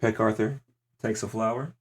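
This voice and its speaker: A man working as game master, narrating a tabletop roleplaying game in a halting, piecemeal way. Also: lowish voice, steady tone, husky.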